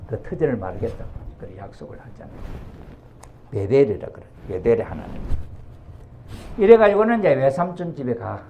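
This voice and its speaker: A man preaching by retelling a bible story in an animated way, acting out its characters as he goes. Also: mid-range voice, slight background noise.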